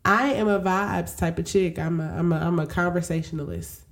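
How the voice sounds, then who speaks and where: A woman co-hosting a casual chat, expressive and playful. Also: fairly low pitch, fairly quick. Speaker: co-host.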